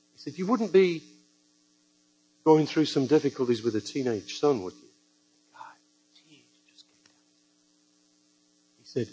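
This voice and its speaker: Husky-voiced male preacher telling stories. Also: mid-range voice, rough recording. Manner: lively storytelling with joking asides. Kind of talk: sermon with personal stories. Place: church before a congregation.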